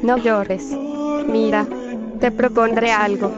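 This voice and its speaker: High, sweet, coaxing mother creature played by a woman. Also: fairly even intonation, slow pace. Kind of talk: amateur horror fan story acting. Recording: muffled, narrow sound under loud music.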